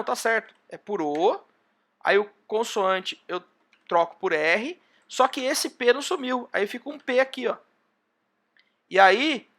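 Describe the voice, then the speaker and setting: A Brazilian man with a Brazilian Portuguese accent teaches a university class online, his voice high and bright yet gravelly. He works through an example one step at a time, repeatedly pointing things out with "ó".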